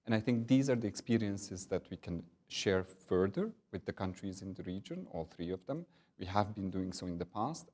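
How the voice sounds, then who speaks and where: Guy, deep voice, slow diplomatic answers w lots of uhs. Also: a little mellow. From Hungary. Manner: measured, diplomatic, with frequent filler pauses. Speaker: NATO partnerships director, guest. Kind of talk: interview answers.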